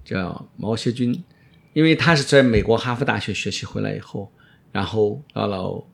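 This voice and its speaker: Middle-aged guy expert in an interview, gravelly voice, repeats himself for emphasis, casual explaining. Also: lowish voice, normal speed. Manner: emphatic, repeats phrases, drops in English words. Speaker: orthodontist being interviewed.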